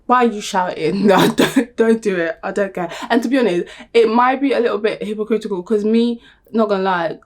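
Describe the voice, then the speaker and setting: A young woman talking to camera in a blunt, emphatic, animated way, laughing often. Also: mid-range voice, brisk. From Nigeria. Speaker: vlogger. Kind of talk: casual talk to camera.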